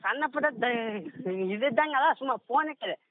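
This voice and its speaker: An extremely high-pitched man with a North Karnataka Kannada accent speaks at normal speed, irritated and blunt as he protests during a heated phone argument. He's the one receiving a prank call. It comes through a tinny, noisy phone line.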